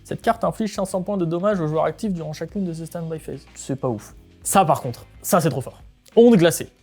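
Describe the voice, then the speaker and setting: A man reviewing trading cards one by one in casual, informal commentary, giving quick snap verdicts. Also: fairly high pitch, darkish tone, soft background music.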